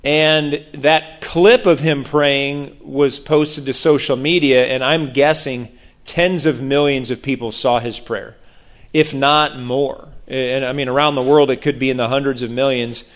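A man preaching about prayer, telling a story with animated acted-out voices. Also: mid-range voice, unhurried. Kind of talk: sermon on prayer.

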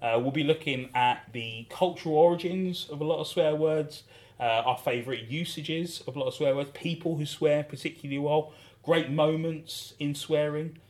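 A man's voice: fairly high pitch, fairly even intonation, normal speed, darkish tone. A British man co-hosting a podcast, chatting casually and explaining things with discursive enthusiasm. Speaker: podcast co-host. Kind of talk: casual chat.

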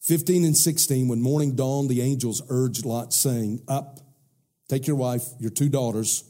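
A man's voice: medium pitch, steady tone, measured pace, dark tone. A middle-aged man with a Southern US accent preaching a sermon in an emphatic, conversational way, with rhetorical questions and repetition.

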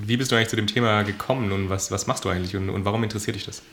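Brisk, chatty male podcast co-host. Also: lowish voice, fairly even intonation, fairly bright tone. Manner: brisk, chatty, laughs often. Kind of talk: podcast interview.

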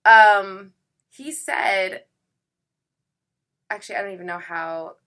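A woman's voice: medium pitch, slow pace, bright, forceful tone. A young adult actress, chatty and full of filler words, who acts out her own past thoughts while telling her story in an interview. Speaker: actress guest. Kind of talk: casual conversational interview.

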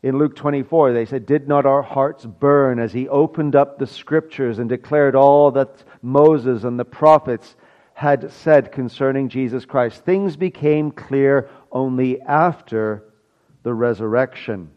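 A male pastor preaching a sermon in a conversational way, with asides and filler pauses. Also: medium pitch, dull audio.

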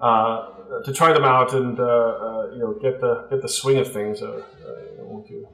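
A man voicing a jolly British expedition leader with a put-on British accent, hearty and halting. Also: medium pitch, steady tone, fairly bright tone, echoey room, soft background music, close to an everyday voice, poor audio.

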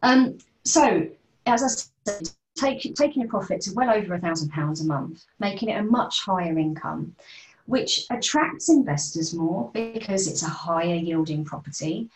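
A woman's voice: fairly low pitch, expressive, moderate pace. A woman explaining property investment in a casual presentation, with frequent fillers and restarts. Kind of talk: informal presentation on a video call. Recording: echoey room, distant from mic.

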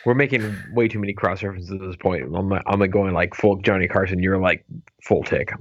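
A man co-hosting a podcast in relaxed casual chat, full of fillers. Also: low voice, brisk, no echo, lo-fi sound. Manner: laid-back, filler-heavy. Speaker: podcast co-host.

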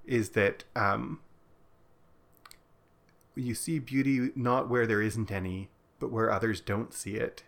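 A man co-hosting a casual chat show, reflective and thoughtful, growing animated when he retells scenes. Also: on the low side, slow, gravelly, pauses often. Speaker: podcast co-host.

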